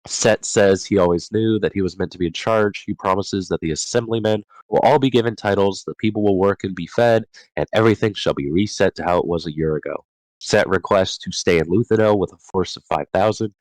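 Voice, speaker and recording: A man's voice: deep voice, a little fast, darkish tone, no room sound, rough recording. A man hosting a casual book discussion, reading chapter summaries from his notes and often stumbling and correcting himself.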